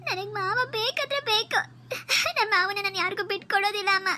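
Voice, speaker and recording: A woman's voice: very high-pitched, fairly quick, pushed and bright, a little hiss or hum. Weepy, stubborn young woman in a cartoon. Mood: tearful pleading. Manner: whiny sobbing pleading. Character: lovesick tearful young woman, stubborn and clingy. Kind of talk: cartoon voice acting.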